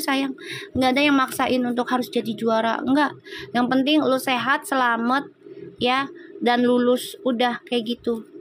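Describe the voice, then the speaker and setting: Chatty higher-voiced woman. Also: a little hiss or hum. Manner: chatty, animated storytelling with frequent laughter. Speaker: tarot reader and live streamer. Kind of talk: casual live-stream chat.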